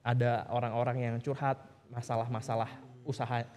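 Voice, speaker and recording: A man, a podcast guest telling stories in a relaxed, slangy, informal way. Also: mid-range voice, brisk, big-room sound. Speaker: guest, founder of a legal aid group for small businesses. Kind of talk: casual podcast conversation.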